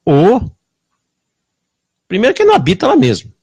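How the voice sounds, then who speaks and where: Male Brazilian preacher, confrontational sermon voice, slightly high and very animated. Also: moderate pace, vocal fry, breathy edge, dry recording. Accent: Brazilian Portuguese. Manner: confrontational, rhetorical questions, swinging between loud and hushed.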